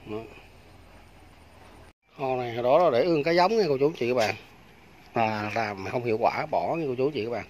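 The recording is muffled with a little hiss or hum as a medium-pitched man talks a little fast, pausing often, during a phone-filmed walking tour of a rural farm by fish ponds. Chatty and casual, this vlogger keeps addressing viewers as aunts, uncles and friends.

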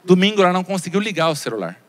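Brazilian comedian telling stories on stage. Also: male voice, high voice, very fast. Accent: Brazilian Portuguese. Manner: animated storytelling, repeated "gente" asides to the audience. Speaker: stand-up comedian. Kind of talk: stand-up comedy. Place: stage at a live comedy show. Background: faint audience.

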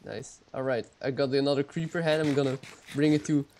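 A man hosting a co-op game video, chatting casually, swearing and shouting out now and then. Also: medium pitch, steady tone, a little fast, slight background noise. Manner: swears a lot, sudden loud outbursts. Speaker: gamer host. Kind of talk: casual gameplay chat.

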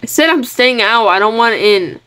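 A woman giving casual, excitable commentary on a game she is playing, chatty and often restarting her words. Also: a little high, moderate pace, a little hiss or hum, rough recording. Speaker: gaming video creator.

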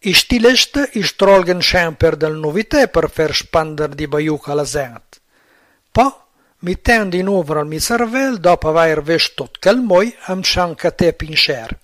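A man's voice: fairly high pitch, expressive, unhurried, a bit bright, dry recording, studio quality. A man with an Emilian accent telling an everyday story in dialect. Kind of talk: spoken dialect monologue.

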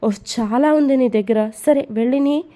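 A cold, controlling young husband in a read-aloud romance story, curt and commanding, as a woman puts him on. The voice is fairly high and mellow, with a warm, soft tone. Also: moderate pace, lightly acted. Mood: stern.

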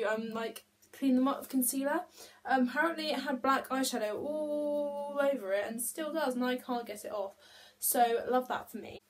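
A young woman chatting casually to her phone camera as a beauty vlogger, rambling and poking fun at herself. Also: high voice. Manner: chatty, rambling, self-mocking. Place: at home.

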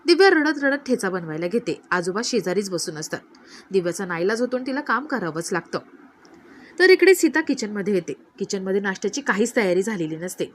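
A woman retelling a TV serial episode, quickly voicing each character's lines. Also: a little hiss or hum. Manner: lively, shifts pitch to act out each character. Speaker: serial recap narrator. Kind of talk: storytelling recap with acted quotes.

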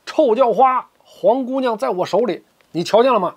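A man's voice: a little high, lively intonation, a little fast, slightly rough, pitched below the performer's own voice. A man voicing a ruthless, scheming old martial arts villain who speaks coldly and with menace. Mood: menacing.

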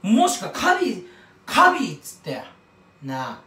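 A man's voice: high-pitched, wildly swooping pitch, unhurried, sharp tone, distant mic. A man talking to camera in a casual rambling monologue, mocking himself and tripping over his words as he drifts from tangent to tangent. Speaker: YouTuber commenting on another creator. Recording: roomy echo, voice off-mic.

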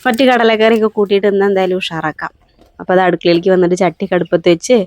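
A woman narrating her home cooking in a casual, chatty way, speaking slowly and gently with a slightly hoarse voice from a lingering cough. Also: fairly low pitch. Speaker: cooking vlogger.

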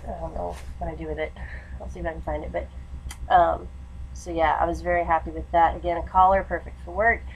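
Young woman, stuffy congested nose, slightly low voice, chatty casual vlog, noisy home webcam audio. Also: a little mellow. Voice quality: congested, stuffy-nosed from allergies. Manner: chatty, informal. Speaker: vlogger, education student. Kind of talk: casual haul video chat. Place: small lamp-lit room at home. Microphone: webcam or laptop mic at desk distance. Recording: webcam recording with background room noise. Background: noise, TV in the background.

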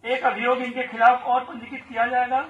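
A man's voice: very high-pitched, fairly quick, narrow, tinny audio. A middle-aged policeman reads a formal public proclamation like a town crier, through a megaphone outdoors. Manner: formal, monotone reading of a legal notice. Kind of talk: town crier style official announcement, read from a paper. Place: outdoors in a house courtyard. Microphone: handheld megaphone, filmed by a camera a few metres away.

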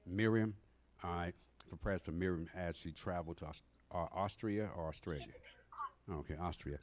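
Standing at a mic stand in a church sanctuary, a middle-aged man teaches a Bible class in a low voice at an ordinary pace. He speaks emphatically and quizzes the class as he goes, in a call-and-response manner.

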